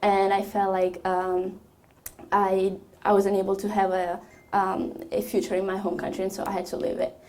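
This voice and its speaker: Young woman from Ethiopia, mid-pitched, warm tone; halting personal testimony full of fillers. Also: monotone. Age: young adult. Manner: hesitant, many fillers and restarts. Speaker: student speaker. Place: college event room.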